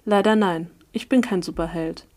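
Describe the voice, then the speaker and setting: A woman reading the lines of a brooding young man who can control electricity, speaking quietly and hesitantly. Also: lowish voice, moderate pace, natural voice. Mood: quiet, subdued.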